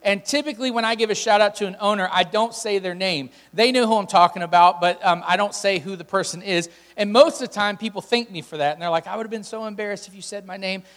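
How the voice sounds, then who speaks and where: This pastor talks fast with few pauses, his high, slightly bright voice carrying through a large church room over a PA. He chats directly with the congregation, offering casual welcomes and announcements, while music plays behind and the hall adds reverb.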